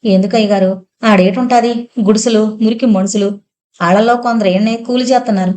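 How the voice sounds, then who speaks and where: A woman's voice: medium pitch, steady tone, brisk, a little mellow, natural voice. A woman voicing a chatty, deferential village servant man who speaks in rustic dialect.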